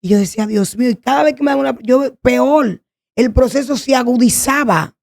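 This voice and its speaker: A woman tells her personal testimony in an earnest, pleading way. Her voice has a gravelly fry. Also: a little high, fairly quick. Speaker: guest sharing a testimony.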